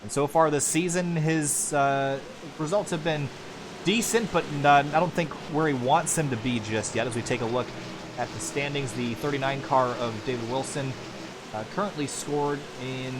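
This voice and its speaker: A man calling sim racing play-by-play as lead commentator, quick and building excitement during the action. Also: medium pitch, noisy background.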